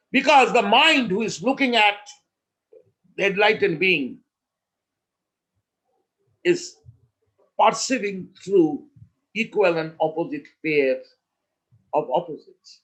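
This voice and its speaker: Spiritual teacher guy, high voice, slow, pausing a lot between phrases. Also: a bit bright, rough recording. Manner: slow and measured, with emphatic pauses. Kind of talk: spoken teaching with storytelling.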